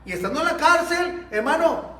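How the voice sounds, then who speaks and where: A man's voice: very high-pitched, big pitch swings, normal speed, background noise. A man preaching a Sunday school sermon in a church, telling stories with animation and speaking straight to the congregation. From Mexico. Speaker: pastor. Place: church hall. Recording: echoey church room, mic at a distance.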